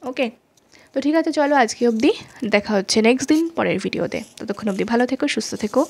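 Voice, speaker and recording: A woman teacher giving a lecture, reading English notes slowly and then explaining them, often checking that students follow. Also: fairly high pitch, expressive, a little mellow, husky. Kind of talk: classroom lecture.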